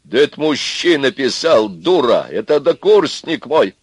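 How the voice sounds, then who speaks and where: A man's voice: medium pitch, sing-song, normal speed, husky, no room sound, voice pushed up. A man voicing a flustered, blustering middle-aged husband in an audiobook reading. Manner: blustering, defensive.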